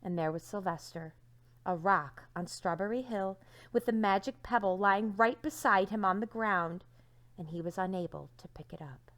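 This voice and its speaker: A woman with a medium-pitched voice reads a children's story aloud like a teacher. Her delivery is expressive, leaning into key words and letting the ends of phrases drop to a hush. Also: normal speed. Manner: expressive, dramatic emphasis with hushed line endings.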